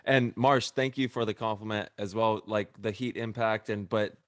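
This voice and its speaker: Enthusiastic co-host, dry close mic. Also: male voice, lowish voice, steady tone, normal speed, no room sound. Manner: enthusiastic hype talk. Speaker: podcast co-host. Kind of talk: casual podcast talk.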